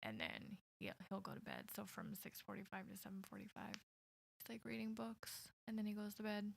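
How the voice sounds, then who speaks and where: A woman's voice: medium pitch, lively intonation, normal speed, vocal fry, a little hiss or hum. A woman co-hosting a podcast and chatting casually and jokingly as a mother about her kids. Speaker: podcast co-host. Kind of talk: casual chat.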